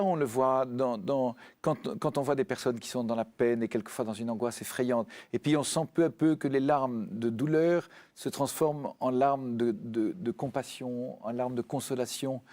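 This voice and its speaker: An earnest man speaks as a guest in a spiritual radio discussion. His pitch sits in the middle of the range, and he often repeats words while reaching for the next thought. He talks in a reflective, unscripted way. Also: normal speed, darkish tone.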